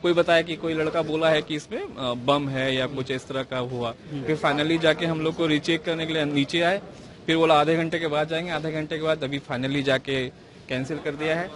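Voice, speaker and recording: A man, an air passenger, recalling events in a hesitant, halting way during an on-the-spot news interview. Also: a little high, fairly even intonation, a bit bright. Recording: crowd chatter all around.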